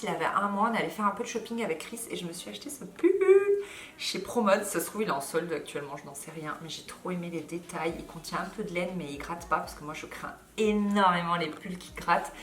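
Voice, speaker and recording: A woman in her thirties talks casually to her viewers, tired and rambling with fillers and quick asides. Her voice sits a little low. The sound is roomy and picked up from a small distance. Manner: chatty, many fillers, animated asides. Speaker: lifestyle vlogger. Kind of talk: casual chat to camera. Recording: roomy echo, mic a bit far.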